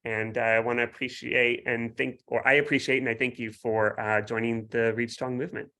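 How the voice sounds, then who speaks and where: A man with a bright, forward voice at a medium pitch talks casually as a guest author. He explains things in a friendly, enthusiastic manner. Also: level tone, moderate pace. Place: home basement.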